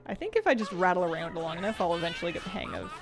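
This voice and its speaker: Woman, game streamer, animated intonation, some vocal fry, chatty rambling commentary, music in the background. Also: fairly low pitch, very fast. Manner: rambling, chatty, thinking aloud. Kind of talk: casual gaming commentary chat. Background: video game music and sounds.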